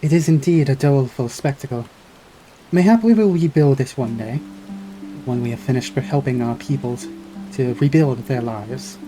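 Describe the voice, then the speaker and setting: Player doing a grave, measured game noble. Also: medium pitch, dark tone, soft background music, natural voice, low-quality recording. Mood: grave, courteous. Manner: formal, measured, solemn. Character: grave, courteous, archaic-spoken game noble. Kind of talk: reading game dialogue in character.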